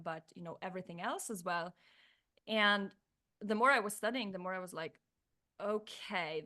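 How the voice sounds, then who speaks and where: A woman in her thirties from Slovenia, a Slovenian native speaker, guest on an interview, talking in a reflective, animated way with many restarts. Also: medium pitch. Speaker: guest, neuroscientist turned coach. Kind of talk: casual interview chat.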